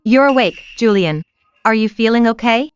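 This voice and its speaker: An actress playing a commanding, fiercely protective young wife in a dubbed melodrama. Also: female voice, a little high, animated, moderate pace, clear, resonant tone, close to an everyday voice. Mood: tender. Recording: slightly dull, music behind.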